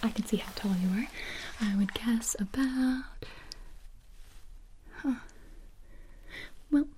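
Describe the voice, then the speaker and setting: Whispering softly near the microphone, a young woman plays one doctor after another in a funny ASMR roleplay, with occasional sudden voiced outbursts. Her pitch is on the high side and she takes things slowly. There's a slight hiss or hum.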